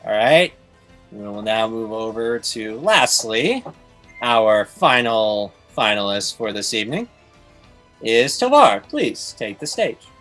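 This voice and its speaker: A man hosts an online competition over a video call. He announces in a casual, slightly hesitant way and fills his pauses with "uh" and "um". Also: on the low side, big pitch swings, a bit bright, soft background music. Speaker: host.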